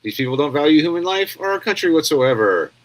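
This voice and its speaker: A man's voice: on the high side, lively intonation, fast talker. Crude, rambling male commentator. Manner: crude, rambling, sarcastic, frequent "yeah?" tags. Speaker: commentary host. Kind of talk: casual commentary on clips.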